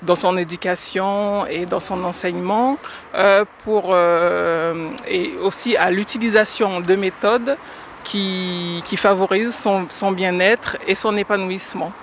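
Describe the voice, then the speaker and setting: A woman from French Guiana in her forties, answering radio interview questions about teaching with hesitant pauses and many fillers. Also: medium pitch, steady tone, a little hiss or hum. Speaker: guest, educator.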